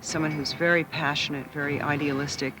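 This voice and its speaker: A man's voice: on the high side, level tone, fairly quick, very noisy. A man describing a film's characters in a documentary interview. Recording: loud music behind the voice.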